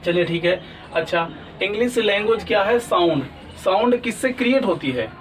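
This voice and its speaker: High-voiced man teaching English basics. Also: animated, moderate pace, distant mic, soft background music, rough recording. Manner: asks questions then answers them himself; repeats "ठीक है ना?" often. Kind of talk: classroom lesson.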